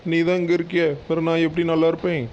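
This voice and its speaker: A pleading son-in-law in a cartoon, voiced by a man, talking fast and coaxingly in a slightly raised voice. The audio is dull and lo-fi with a faint hiss. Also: a little high, monotone, darkish tone, natural voice. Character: pleading son-in-law, eager to bring wife home.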